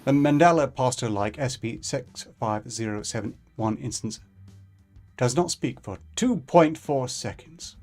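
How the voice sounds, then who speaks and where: A man reading a fictional document aloud, live, in a measured, clinical manner. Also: medium pitch, a little mellow, soft background music. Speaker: reader.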